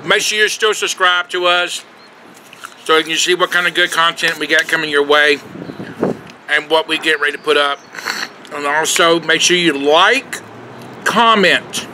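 Higher-voiced middle-aged man vlogging outdoors. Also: steady tone, normal speed, long pauses, bright, forceful tone. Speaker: food review vlogger. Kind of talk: casual vlog chat. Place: outdoor fast-food patio. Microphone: camera at arm's length. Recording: noisy outdoor traffic background.

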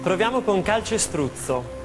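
Slow, tentative male quiz contestant. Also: high voice, very animated. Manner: tentative, thinking aloud before answering. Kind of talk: short spoken quiz answers. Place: large TV studio. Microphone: lapel mic. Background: music.

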